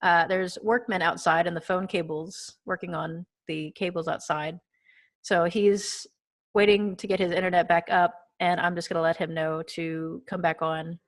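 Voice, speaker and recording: A woman's voice: lowish voice, fairly even intonation, normal speed. Chatty giggling woman podcast host. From Texas. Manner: giggly, chatty, many fillers. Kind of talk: casual podcast chat.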